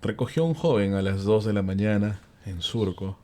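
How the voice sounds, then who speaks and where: Lowish-voiced Peruvian man telling a ghost story. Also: moderate pace. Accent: Peruvian Spanish. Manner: animated storyteller who acts out the characters' lines; frequent fillers and tag questions. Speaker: panel guest telling ghost stories. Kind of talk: casual chat, storytelling.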